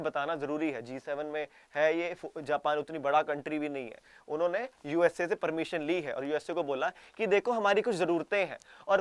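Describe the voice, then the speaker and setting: A man's voice: on the high side, clean tone, no room sound. A young man teaching current affairs in a casual exam-prep lecture, chatty and jokey, acting out quoted officials.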